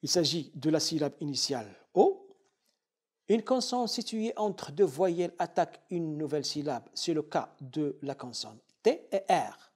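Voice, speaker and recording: Slow, husky-voiced male professor lecturing. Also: a little high, expressive, a little mellow. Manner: deliberate, repeats and spells out syllables as examples. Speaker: university professor. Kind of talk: university lecture.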